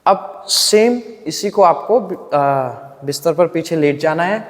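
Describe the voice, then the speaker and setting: A man leads a yoga breathing lesson in a calm, patient voice, explaining each step and demonstrating the breaths and hums aloud. His voice sits fairly high for a man. A long reverb trails after his words. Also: measured pace. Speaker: yoga instructor.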